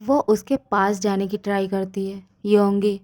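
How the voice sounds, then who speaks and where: A woman narrating a fan fiction story in a steady storytelling manner. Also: medium pitch, measured pace.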